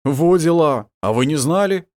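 A wounded village miller, gruff and brave, shouts over the chaos, as a man reading the book voices him. The sound is dry and close. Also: a little high, animated, normal speed, no room sound, voice pushed up, lightly acted. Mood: warm.

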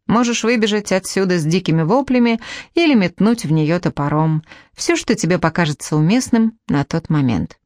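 A woman's voice: fairly low pitch, animated, normal speed, a little mellow, no echo, studio quality, lightly acted. Woman reading a teasing, charming prince. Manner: drawling and playfully ironic. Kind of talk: audiobook character reading.

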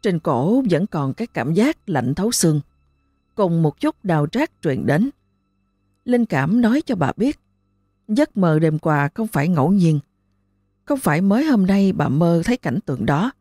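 A woman narrating a ghost story in a steady, dramatic way. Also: lowish voice, no room sound.

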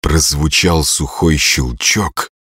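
A man narrating a horror audiobook in a measured, steady way. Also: extremely low pitch, slightly rough, dry recording, studio quality. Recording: music bed behind voice.

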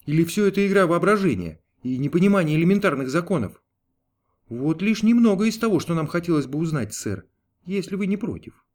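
A man voicing a dutiful archangel, formal and polite, holding his patience with his master. The delivery is animated, with a wide, lively pitch, as in a storybook reading. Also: brisk. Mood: deferential. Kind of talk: audiobook character voice.

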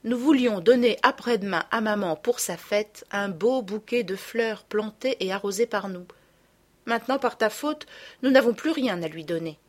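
A woman's voice: mid-range voice, animated, moderate pace, a little mellow, natural voice. A woman voicing a kind young girl who speaks earnestly and consolingly. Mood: gently scolding. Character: gentle, kind young girl, older sister figure.

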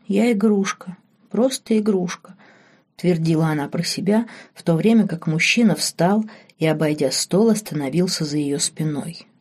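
A woman narrating a romance novel audiobook in a measured, softly expressive way. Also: low-pitched, breathy edge.

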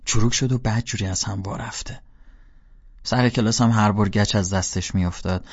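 A man's voice: on the low side, steady tone, husky, dry recording, muffled recording. A man narrating a first-person audiobook in a casual, slangy storytelling voice.

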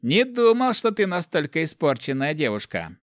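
A man's voice: high-pitched, sing-song, normal speed, fairly bright tone, no echo, clean studio sound, voice pushed up. A man voicing a playful young male thief who teases and makes grand speeches. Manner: teasing, grandly theatrical.

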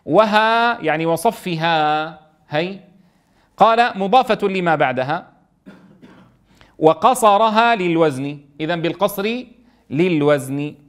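A man teaching Quran recitation, explaining a text and slowly drawing out letters to demonstrate, often checking that his students follow. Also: sits high, lively intonation, clear, resonant tone. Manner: keeps checking understanding, slowly draws out sounds to demonstrate. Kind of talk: explaining a tajweed text in class.

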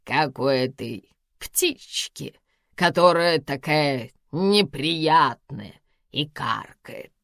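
A woman reading an audiobook, voicing a domineering elderly woman of eighty-two who scolds in slow, drawn-out, commanding phrases. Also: sits low, animated, a bit bright, dry recording, studio quality, heavily acted. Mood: scolding, domineering. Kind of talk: audiobook character voice.

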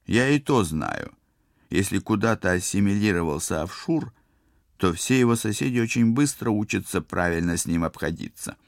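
Dude doing a snarky young pilot, grumbly, gravelly voice, dry sound. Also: male voice, low voice, expressive, moderate pace, dry recording, pitched above the performer's own voice. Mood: sardonic. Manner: sarcastic, grumbling. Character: sardonic young male starship pilot.

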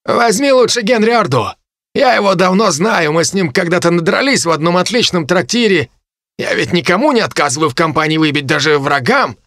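A man reading an audiobook plays a burly, hard-drinking gang leader with a loud, rough manner. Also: high voice, animated, fairly quick, dry recording, studio quality, voice pushed up. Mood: mocking.

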